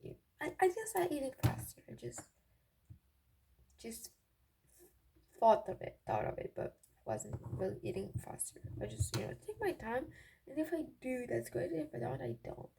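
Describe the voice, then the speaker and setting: A woman's voice: high-pitched, very animated, moderate pace, pauses often, dark tone. A young woman chatting casually in a giddy, gossipy way, rambling and often interrupting herself. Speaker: vlogger telling personal stories. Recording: clearly noisy raw amateur recording, clicks.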